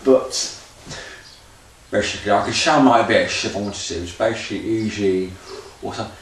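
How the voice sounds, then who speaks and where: An actor speaks off the cuff on an unscripted audition tape, rambling with loose grammar and restarting his sentences. His voice is on the low side at a moderate pace. He sits far from the mic in a very echoey room, with faint noise audible.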